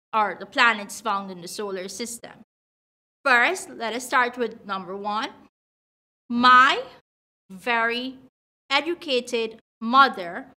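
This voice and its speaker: A woman in her thirties presenting a scripted science lesson for children like a kids show host, with deliberate, emphatic enunciation. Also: a little high, bright, forceful tone. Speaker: science teacher presenting a grade seven video lesson.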